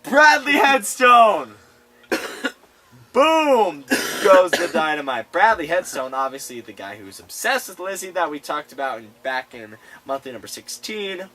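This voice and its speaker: A young man co-hosting a casual book discussion, playful and excitable, acting out the quotes. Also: on the high side, normal speed, few pauses. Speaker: student co-host. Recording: distant mic, faint room noise.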